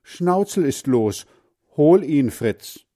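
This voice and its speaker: Storybook boy, eager, loud calls, man reading. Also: a little high, animated, slow, voice pushed up. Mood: calling. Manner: calling out loudly. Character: small boy, eager and impatient. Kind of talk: storybook character voice.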